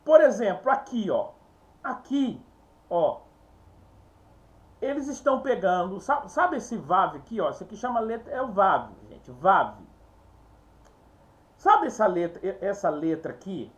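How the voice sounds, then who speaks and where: A man's voice: high voice, very animated, a little slow, long pauses. A man giving an informal Bible lesson, explaining step by step, repeating words and often calling out to his viewers. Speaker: Bible teacher.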